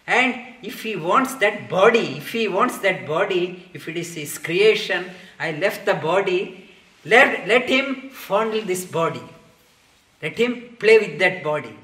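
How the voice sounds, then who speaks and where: A man's voice: high voice, lively intonation, a little slow, sharp tone, reverberant, full character voice. A man voicing a departed soul who laughs off the call to return, in a light, dismissive voice. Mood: amused. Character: departed soul, free, amused and detached.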